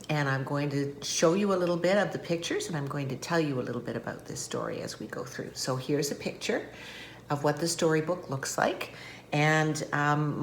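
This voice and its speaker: A woman's voice: low voice, slight background noise. An older woman reading a picture book aloud to children, chatty and playful with friendly asides. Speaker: guest reader.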